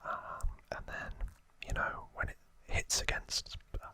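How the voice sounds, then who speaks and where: In a whispered ASMR delivery that's very bright and breathy, never reaching full voice, a man informally recaps trivia as host, musing along with hesitant asides. His pace is measured.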